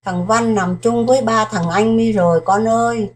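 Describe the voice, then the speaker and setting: A woman's voice: a little high, moderate pace, darkish tone, a little hiss or hum, lightly acted. Woman narrator putting on an older male neighbor in raw grief, choked and sobbing. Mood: anguished. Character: grieving older neighbor man, wailing in despair.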